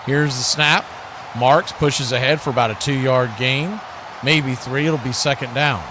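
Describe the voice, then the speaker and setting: Over some background noise, an American man hosts radio football coverage, calling plays in short, clipped announcer phrases between station promos. His medium-pitched voice stays fairly even and unhurried.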